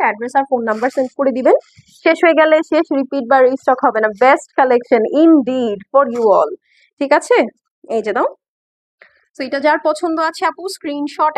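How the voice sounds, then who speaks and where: A woman's voice: sits high, fast talker, no echo. A woman with a Bangladeshi accent hosting a live sales stream for clothing, chatty and coaxing, slipping English phrases into her talk. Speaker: online clothing seller.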